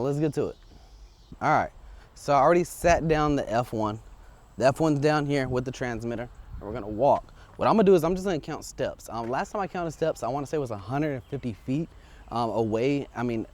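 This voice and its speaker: A man's voice: mid-range voice, animated, brisk, a little mellow. A man chatting informally and thinking aloud as he records an unscripted vlog outdoors on a clip-on wireless lavalier. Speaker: vlogger testing audio gear. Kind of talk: casual unscripted vlog chat. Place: outdoors, walking up a residential street. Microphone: wireless lavalier clipped to shirt.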